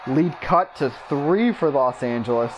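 A man doing mock play-by-play basketball commentary for a gaming video, calling each play in brisk clipped bursts, his voice jumping up on big plays. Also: medium pitch, noisy background. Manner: excitable, voice jumps up on big plays. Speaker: YouTube gaming creator.

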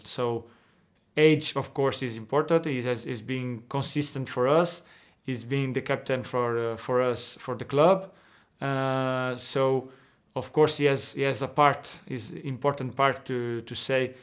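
Speaking from an indoor locker room, a young Portuguese-speaking footballer guest earnestly takes interview questions via video call in a mid-range voice, frequently restarting and repeating himself.

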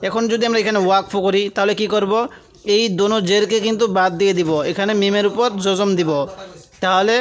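High-voiced man teaching Quran reading. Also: little pitch movement, faint music behind. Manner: spells each letter slowly, then recites drawn-out syllables; explains rules patiently, asks the viewer questions. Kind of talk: spelled-out recitation lesson.

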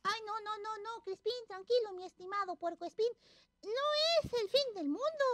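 A woman voicing Ramona, a kind and cheerful young girl puppet who gives gentle, motherly advice to her friends. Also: extremely high pitch, moderate pace. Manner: warm, motherly advice-giving, sings and laughs. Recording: noisy background hiss.

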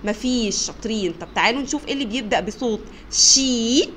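A young woman teacher with an Egyptian Arabic accent, teaching letters to small children, encouraging and stretching each sound out slowly. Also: on the high side, lively intonation, fairly bright tone, slight background noise. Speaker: kindergarten teacher.

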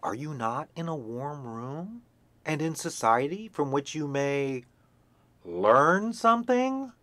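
Storybook hen, female, bossy and haughty, shrill scolding, voiced by a man, high and loud, swooping. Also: very animated, takes it slowly, no room sound, full character voice.

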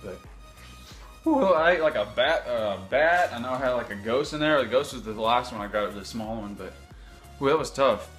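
A man's voice: mid-range voice, animated, normal speed, fairly bright tone, soft background music. A young man chatting casually to camera as a vlogger, rambling with unsure asides. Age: young adult. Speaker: YouTube vlogger. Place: home kitchen.

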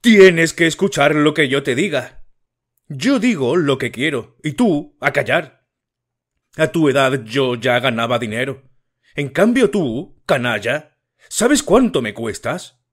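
A man voicing a stout, miserly, middle-aged father who shouts in fury in an audiobook story. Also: fairly high pitch, expressive, takes it slowly. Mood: furious shouting. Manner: shouting in rage.

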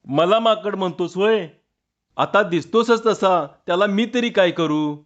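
A man's voice: high-pitched, measured pace, pitched above the performer's own voice. Mischievous young prankster lad, sly and teasing, as a man reads him out, slightly raised and dull lo-fi.

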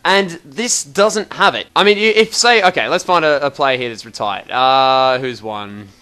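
A man's voice: medium pitch, normal speed, bright, forceful tone, clean tone. A young Australian man giving a rambling, casual walkthrough of a game menu, chatty and mildly exasperated. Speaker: gaming video host. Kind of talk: casual game tutorial commentary.

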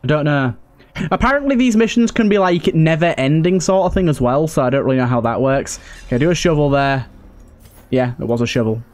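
Talking a little fast, a man with a slightly high, somewhat mellow voice gives casual gaming commentary, thinking aloud and repeating his phrases often. The game's ambience and sound effects come through clearly.

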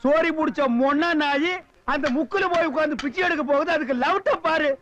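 An actor playing a sharp-tongued man who sarcastically scolds and mocks a group of beggars in a film comedy scene. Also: very high-pitched, fairly quick, highs cut off, slight background noise. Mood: mocking. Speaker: comic film character. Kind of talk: Tamil film comedy dialogue.

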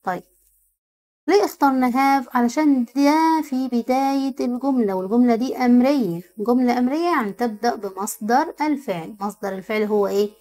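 A woman with an Egyptian Arabic accent teaches English from a worksheet. She reads the English sentences slowly, repeats them, and explains in quick asides with rhetorical questions. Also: a little high, mellow, a little hiss or hum. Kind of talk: recorded worksheet walkthrough.

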